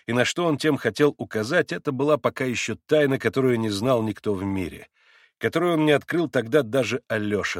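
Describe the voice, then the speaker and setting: Guy reading an old novel, steady and expressive, dry close sound. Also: medium pitch, no echo. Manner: measured, expressive storytelling. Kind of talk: audiobook narration of a classic novel.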